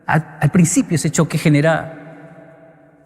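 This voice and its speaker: A male motivational speaker giving a live talk, animated and acting out bits of dialogue as he answers an audience question. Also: on the high side, slow pace. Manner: animated storyteller who acts out dialogue. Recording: long hall reverb.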